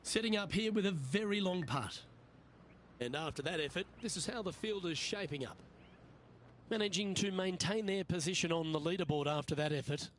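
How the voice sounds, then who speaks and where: A man voicing a play-by-play golf commentator in a game, with a smooth, measured broadcaster delivery. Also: high-pitched, natural voice. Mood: calm. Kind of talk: scripted sports commentary. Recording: commentary over crowd and course noise.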